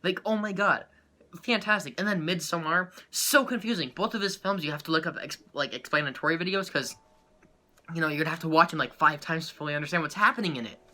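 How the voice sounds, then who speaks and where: A man giving a rambling, excitable life update to his viewers as a small YouTuber, full of fillers and quick laughs. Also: a little high. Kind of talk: casual chat to camera.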